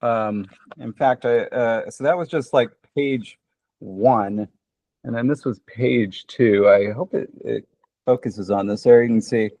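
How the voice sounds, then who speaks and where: A man's voice: medium pitch, unhurried, dark tone, no echo. An American man chatting on a video call, rambling and self-deprecating, with lots of fillers. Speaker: conlang relay participant. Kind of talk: casual video call chat.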